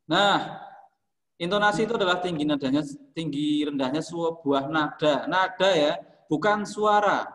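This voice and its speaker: An Indonesian male music teacher runs an online class in an echoey room, his voice a little high and fairly bright at a moderate pace. He calls on students by name, repeats their answers, and explains each term.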